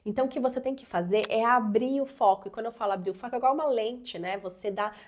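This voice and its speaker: A woman in her thirties, a parenting educator, gives advice straight to camera in a fairly high voice at a quick pace. She speaks earnestly and personally, sprinkling in lots of casual fillers.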